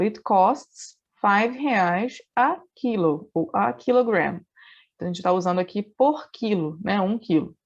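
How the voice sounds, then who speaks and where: A woman's voice: mid-range voice, creaky, darkish tone. A woman teacher explaining English grammar in a patient, step-by-step way, often checking in with the class. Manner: patient explaining with frequent "né?" and "então". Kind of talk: recorded online class. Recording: dull lo-fi recording.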